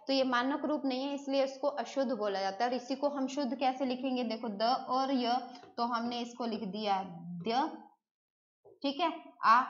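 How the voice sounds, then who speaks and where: A woman's voice: fairly high pitch, a bit bright, muffled recording. A woman teaching Hindi grammar in a live online class, talking casually and replying to students' messages, with English words mixed in. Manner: chatty, answers students' chat messages, mixes in English words.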